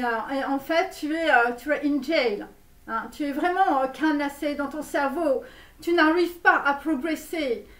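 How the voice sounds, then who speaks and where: A woman's voice: high voice, a bit bright. A woman playing a grandiose Romanian-born American tarot guru in a parody reading, with a put-on Romanian accent and English words thrown in. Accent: put-on Romanian accent in French. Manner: grandiose, sprinkles English words, drawn-out phrases. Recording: roomy echo, mic far off.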